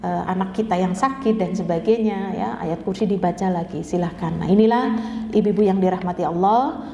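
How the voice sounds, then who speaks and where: A woman's voice: lowish voice, fairly quick, vocal fry, warm tone, a little hiss or hum. A woman teaching a religious study lecture in a chatty way, often checking in with her listeners. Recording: echoey hall with long reverb, dull sound.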